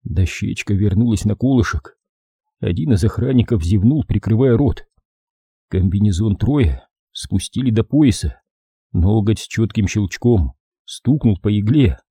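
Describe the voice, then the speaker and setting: A man reading an audiobook as narrator, in a steady, measured voice. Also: fairly low pitch, husky, dry recording, clean studio sound. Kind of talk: scripted narration.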